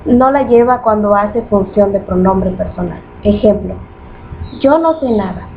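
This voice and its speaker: A woman reading a grammar lesson aloud with careful, deliberate delivery, slowing down on examples. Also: mid-range voice. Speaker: student presenter. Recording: tinny phone-like recording with faint noise.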